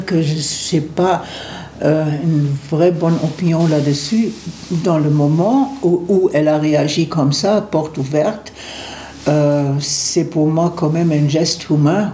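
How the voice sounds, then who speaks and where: Hesitant man, mellow voice, roomy echo. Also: fairly high pitch. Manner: hesitant, searching for words with many fillers. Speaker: interview guest. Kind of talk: radio interview answers. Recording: roomy echo with faint background noise.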